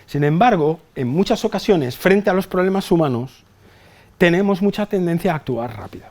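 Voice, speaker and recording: A middle-aged man with a noticeably high voice gives a humorous talk to a live audience. He tells story after story in a chatty, conversational way, swears casually and keeps checking that the crowd follows him. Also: lively intonation, normal speed, a little mellow. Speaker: psychologist giving a talk. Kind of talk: humorous conference talk to nurses. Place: hospital hall with a live audience.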